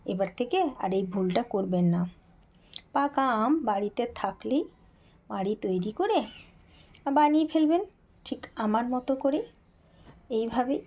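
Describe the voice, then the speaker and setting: A woman's voice: fairly high pitch, dark tone, rough recording. A woman hosting a home cooking video, chatting directly to her viewers from her kitchen. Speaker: cooking channel host. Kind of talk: casual cooking video talk.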